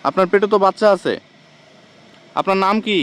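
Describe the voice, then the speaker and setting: A man's voice: sits high, fairly quick. A man vlogging at a roadside, asking urgent repeated questions and explaining to the camera. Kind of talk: street vlog conversation. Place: roadside near a rail crossing outdoors.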